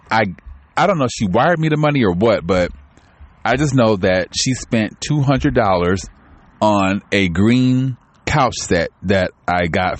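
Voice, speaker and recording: A man with a very low voice speaks to his viewers in a loose, rambling way, often restarting his sentences. He sounds candid and close to tears. The recording is close and dry, with no room sound. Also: no room sound. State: tearful. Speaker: channel host. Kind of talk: casual personal vlog talk.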